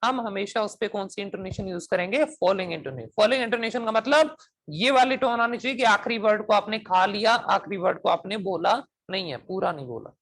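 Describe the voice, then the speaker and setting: A man teaching a coaching class keeps checking whether students understand and drills them with questions, switching between Hindi and English demonstration phrases. His voice sits high, brisk, and fairly bright.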